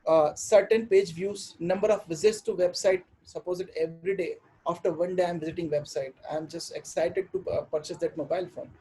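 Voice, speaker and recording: High-pitched Indian-accented man teaching. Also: steady tone, dark tone, slight background noise, low-quality recording. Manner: halting, repetitive explanations with worked examples. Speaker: software trainer. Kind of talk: explanatory online lesson.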